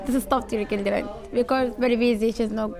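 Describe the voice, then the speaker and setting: Halting Sudanese-accented woman, higher voice. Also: fairly even intonation, vocal fry. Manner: halting, simple non-fluent English phrasing. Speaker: interviewee, church community member. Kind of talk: informal interview answers. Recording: busy room with background chatter.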